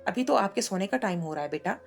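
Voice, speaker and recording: A cheerful young woman coaxing little children into a game, as a woman storyteller puts her on. The voice has a gravelly fry at the edges, with faint music under it. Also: medium pitch, lively intonation, fast. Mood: playful. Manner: playful, coaxing.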